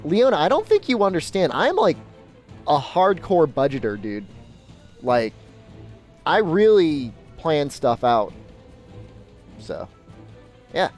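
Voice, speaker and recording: This streamer, from Mexico or of Mexican descent, talks slowly and pauses often while answering chat in a casual, laid-back way. His slightly high, somewhat mellow voice swings widely in pitch over soft background music.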